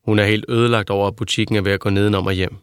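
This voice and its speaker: A man voicing a calm, persuasive young man who speaks slowly and patiently in an audiobook. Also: on the low side, clear, resonant tone, no echo, clean studio sound, lightly acted. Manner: slow, soothing, measured.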